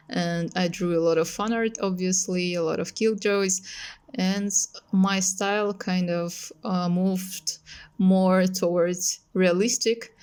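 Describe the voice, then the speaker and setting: A young woman from northeast Russia with a Russian accent, talking casually over a speedpaint video, unhurried, with pauses and fillers. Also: fairly low pitch. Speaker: artist. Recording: music playing softly behind. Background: faint music.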